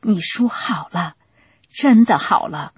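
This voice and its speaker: A woman voicing a tearful, grateful elderly village woman who repeats herself haltingly. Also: fairly low pitch, expressive, breathy edge, no echo, heavily acted. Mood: tearful, joyful.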